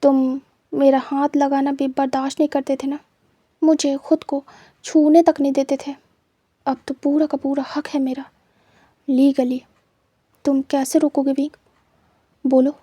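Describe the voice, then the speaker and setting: A woman voicing a menacing, possessive young man who gloats and threatens in a quiet, low voice for a storybook reading. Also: level tone, unhurried, long pauses, dry recording. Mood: taunting.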